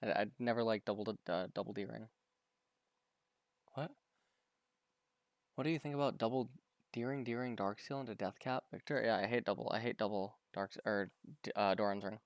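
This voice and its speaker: A man with a fairly low, smooth and resonant voice, talking casually through a live match on stream. He stumbles and repeats himself as he reacts and answers viewer questions. The sound is close and dry. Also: no echo. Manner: halting, repeats words, answers chat questions. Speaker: streamer commenting on a pro match.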